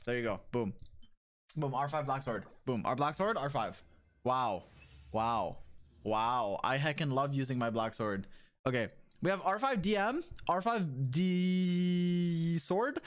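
A male game streamer talks casually to his viewers in a high voice. His pitch swings widely as he teases, swears and jumps from joking shouts to low mutters. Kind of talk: casual livestream chat with viewers.

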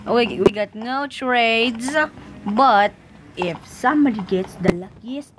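A young female host chatting excitedly and giggling while playing a block-building game. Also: on the high side, slow pace. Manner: giggly, excitable, shrieks during play. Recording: noisy home recording.

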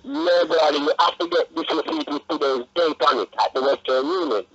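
A man with a slightly high, husky voice pushes through a telemarketing script. He sounds rushed and insistent, repeating his instructions. The sound is a dull, muffled telephone call. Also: a bit bright. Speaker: telemarketer (scam caller). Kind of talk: scripted phone sales pitch.

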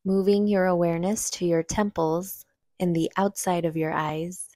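A woman with a lowish voice and little pitch movement leads a guided meditation. She offers gentle, unhurried instructions with long pauses between phrases. The sound is clean studio audio without any room sound.

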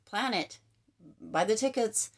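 A woman's voice: a little high, expressive, slow pace. A woman giving a casual tarot reading straight to the viewer, upbeat and emphatic, often repeating her catchphrases. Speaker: tarot card reader.

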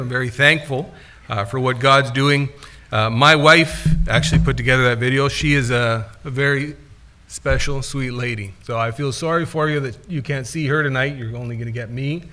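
At a wooden pulpit in the sanctuary, a middle-aged missionary offers a conversational report in a pushed, bright, mid-range voice at a moderate pace. Hand gestures and repeated "uh" fillers run through his talk. The audio comes from the pulpit microphone, and the camera is set far back.

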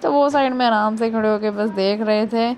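Young female vlogger, casual chatty voice-over, a bit high-pitched, friendly filler-heavy delivery. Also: normal speed, darkish tone, slight background noise. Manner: chatty, repeats "so guys" and "bhai". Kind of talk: casual vlog narration.

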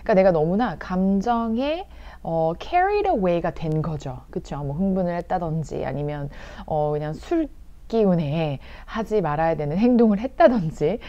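A young woman teaching English in Korean, with a lively and low-pitched voice. She says example phrases slowly and with care so learners can repeat them. The recording sounds a bit dull and lo-fi. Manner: explains in Korean, reads English examples slowly and clearly for repetition. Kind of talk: online English lesson.

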